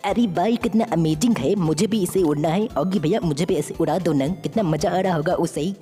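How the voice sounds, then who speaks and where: A woman's voice: on the low side, a little fast, close to an everyday voice. A woman voicing a cheerful, jokey young male sidekick in a fan-made game story. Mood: playful. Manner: jokey, excited, teasing. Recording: reverberant with faint music.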